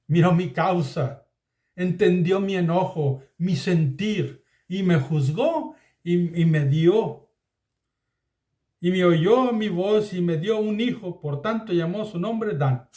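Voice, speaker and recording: A man with a high voice teaches scripture at an unhurried pace. He talks earnestly and warmly addresses his listeners as beloved. His voice rings in a roomy, echoey space. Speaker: Bible teacher. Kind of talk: Bible study sermon.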